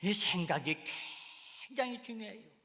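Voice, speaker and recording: A man, a pastor, preaching a sermon in an animated, colloquial storytelling way, acting out little scenes. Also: high voice, normal speed. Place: church sanctuary. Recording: reverberant church hall.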